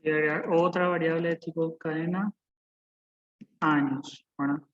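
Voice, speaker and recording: A man's voice: on the high side, fairly even intonation, unhurried, slight background noise. Man teaching code over a muffled call. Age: 20s. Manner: patient, repeats points, checks in with "¿verdad?". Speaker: programming instructor. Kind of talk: live online coding lesson. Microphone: video call.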